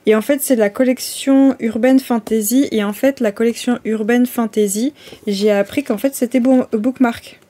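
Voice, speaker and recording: A woman's voice: a little high, steady tone, moderate pace, dark tone. A woman chatting casually in a vlog, with many hesitations and restarts as she goes through her list. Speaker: vlogger.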